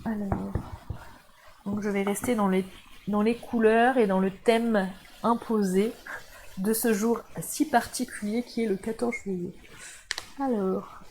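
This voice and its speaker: A woman's voice: medium pitch, fairly even intonation, a little slow, pauses often, a little hiss or hum, rough recording. A woman with a French accent hosting a casual live crafting demo, chatting to viewers with frequent laughs. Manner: chatty, warm asides to viewers, laughs often. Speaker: crafting channel host. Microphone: camera mic.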